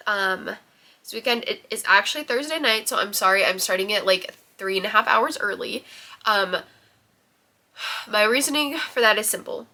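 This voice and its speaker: A young book vlogger with a head cold sounds stuffy and nasal as she chats casually to the camera in her room, rambling a little with lots of ums and likes. Her voice is fairly high, bright and forceful.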